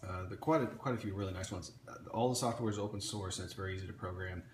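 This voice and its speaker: A man's voice: low voice, fast. A man casually showing off an electronics kit he built, talking off the cuff with frequent restarts and fillers. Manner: rambling, many restarts and fillers. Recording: echoey room with faint ambient noise.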